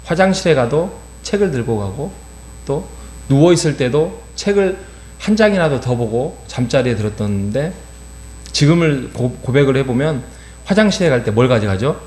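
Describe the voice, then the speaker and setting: A middle-aged pastor preaches an earnest early-morning sermon in a church sanctuary, using many fillers and rhetorical questions. His mid-range voice is expressive and darkish at a moderate pace, with roomy church acoustics and a faint hum.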